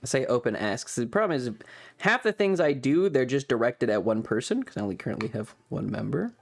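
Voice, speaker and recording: Talking loosely to a live audience, this ASMR creator and streamer wanders from thought to thought in a casual livestream chat. The mid-range voice swings widely in pitch, moves fairly quickly, and carries some vocal fry.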